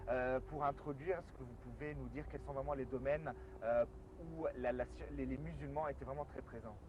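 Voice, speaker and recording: A male talk-show host opens the program and introduces his guest in a steady mid-range voice, stopping often to restart his phrases. The sound is slightly dull, with faint noise behind it. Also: medium pitch. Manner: halting, many fillers and restarts. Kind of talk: studio talk show hosting.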